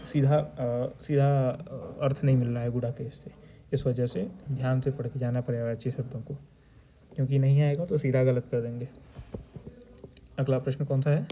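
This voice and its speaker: A man with a very dark, mellow voice walks through past exam questions like a tutor. He reads the options aloud and then explains the correct spelling step by step. Faint noise hums underneath the recording. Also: mid-range voice. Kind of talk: previous-year paper discussion lesson.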